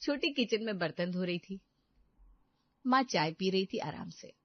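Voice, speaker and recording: A woman narrating a domestic family story in an expressive storytelling manner. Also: medium pitch, measured pace, dry recording. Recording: dull dry lo-fi recording.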